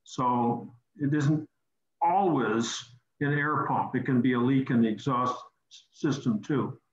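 A man's voice: mid-range voice, unhurried, a little hiss or hum. A man hosting a technical call-in chat, explaining repairs and often repeating words while he thinks. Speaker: host. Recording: roomy video call audio, slightly dull.

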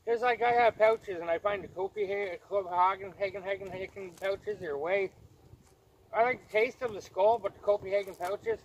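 A high-voiced man talks with his lip packed full of dip. He gives a casual, crude, repetitive review outdoors, with some noise around him picked up by the camera. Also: normal speed. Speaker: co-host of dip review show. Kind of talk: casual chat, product review. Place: outdoors in a gravel lot by woods. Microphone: camera a few feet away. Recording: noisy outdoor camera audio.

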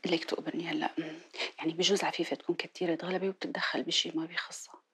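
An actress playing a devoted, anxious wife in a Syrian period television drama, speaking in a soft, coaxing, emotional and often breathy voice. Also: female voice, on the low side, level tone, racing. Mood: anxious pleading. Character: devoted, pleading wife, anxious to please her husband. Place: furnished room indoors. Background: music.

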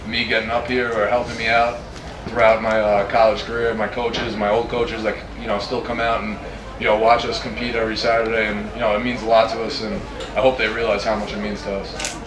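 A college football player in his early twenties gives earnest answers at a press conference, speaking into a handheld mic inside a press tent. His fairly low voice holds a level tone at a brisk pace. The mic sounds roomy and distant, with clear crowd and ambient noise behind him.

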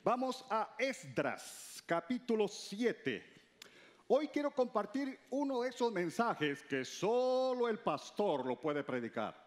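A man's voice: high-pitched, big pitch swings, takes it slowly. A man, a pastor, preaching a sermon. He reads scripture aloud and calls on the congregation to repeat key words after him.

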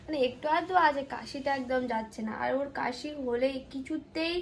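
Suffering from a sore throat and congestion, a young woman from West Bengal chats to her audience while cooking in her home kitchen and caring for her little girl. Her high-sitting voice has vocal fry and a moderate pace, with slight background noise.

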